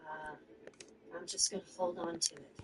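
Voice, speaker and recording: A woman's voice: on the low side, level tone, normal speed. A woman playing in a tabletop game, speaking casually and hesitantly with many fillers. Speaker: player. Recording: distant mic, faint noise.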